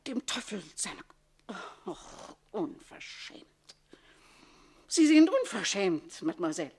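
An actress playing a jealous, scheming middle-aged housekeeper in a classic radio play, speaking in a sharp, mocking, sly manner with a husky voice. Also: female voice, mid-range voice, very animated, a little slow. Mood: indignant.

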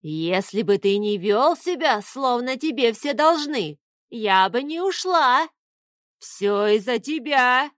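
A woman voicing a fierce, feisty old grandmother witch who scolds in a shrill voice. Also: animated, takes it slowly, no room sound, clean studio sound. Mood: reproachful.

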